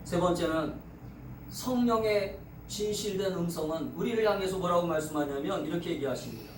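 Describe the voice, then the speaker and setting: A man's voice: high-pitched, fairly quick, distant mic, background noise. A man preaching a revival sermon as pastor, leading the congregation in call-and-response and rising into fervent exhortation. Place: church sanctuary. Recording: echoey church from off-mic.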